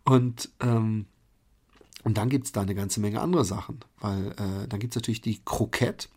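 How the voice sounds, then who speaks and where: A man's voice: on the low side, a little slow, darkish tone, slightly rough. A man from Germany hosting a podcast, talking in a chatty, rambling monologue full of fillers and restarts. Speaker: podcast host. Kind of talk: casual monologue.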